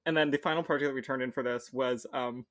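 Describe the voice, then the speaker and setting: Low-voiced young woman podcast co-host. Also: steady tone, fast talker, no echo, studio quality. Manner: rambling, frequent laughs and fillers. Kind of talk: casual book-club chat.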